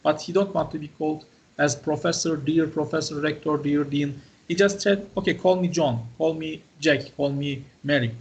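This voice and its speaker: A man's voice: a little high, steady tone, normal speed, gravelly. A man giving a university class lecture in short fragments, often checking in with "right?" and "okay?".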